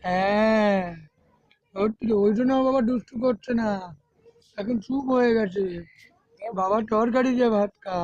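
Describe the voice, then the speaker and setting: A woman's voice: on the high side, dry recording, muffled recording. A mother cooing to her baby in doting, sing-song baby talk, recorded on a phone.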